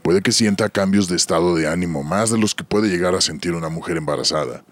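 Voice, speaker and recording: A man's voice: deep voice, fast. A man acting a grave doctor and storyteller in an audio drama, with a solemn, scripted delivery.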